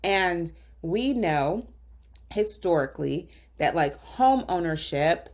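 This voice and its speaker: A woman physician hosting a solo podcast, talking earnestly and directly to listeners, slightly hoarse from a lingering cough. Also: fairly low pitch, expressive, slow pace. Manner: earnest, coaching, direct address.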